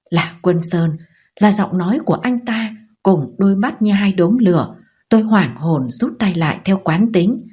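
A woman's voice: medium pitch, dark tone, husky. A woman narrating a dramatic story in the first person and voicing the dialogue of each character.

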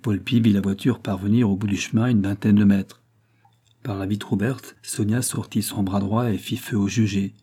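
A man narrating a crime novel as an audiobook, with steady storytelling. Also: on the low side, normal speed, husky.

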